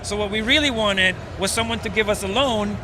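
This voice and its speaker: Speaking fairly quickly in a high register, a Venezuelan startup co-founder gives long, filler-laden explanations in a casual interview. It's recorded outdoors at a busy conference with a noisy background.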